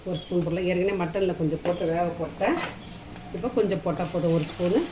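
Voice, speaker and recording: A woman's voice: lowish voice, steady tone, fast talker. A woman giving a casual, homely cooking demonstration, repeating each step and addressing viewers familiarly. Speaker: home cook demonstrating a recipe. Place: indoor kitchen. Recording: roomy echo, kitchen sizzling noise.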